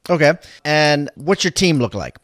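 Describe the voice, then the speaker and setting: A man's voice: a little high, very animated, moderate pace, fairly bright tone, no room sound, studio quality. A man hosting an interview podcast, asking questions in an upbeat, enthusiastic way. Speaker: podcast host. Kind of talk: interview chat.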